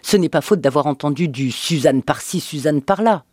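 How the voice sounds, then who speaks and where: A man voicing a bitter, furious wife in an audiobook, with a sarcastic, shouting delivery. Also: on the high side, normal speed, breathy edge, no room sound, clean studio sound. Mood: angry. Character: bitter, furious wife, woman in her thirties. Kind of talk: dramatic audiobook reading.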